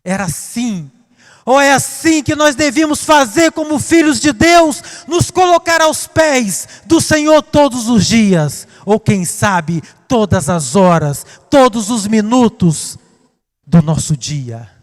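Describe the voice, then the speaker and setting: A man with a Brazilian Portuguese accent preaching a sermon, dramatic, swinging from hushed to loud. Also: very high voice, animated, slow pace. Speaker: pastor. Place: church. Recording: reverberant church hall.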